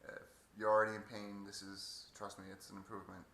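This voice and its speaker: A man giving a halting, hesitant casual video update with a sore throat two days after surgery. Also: fairly low pitch, little pitch movement, a bit bright. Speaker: patient vlogger. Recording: echoey room, faint background noise.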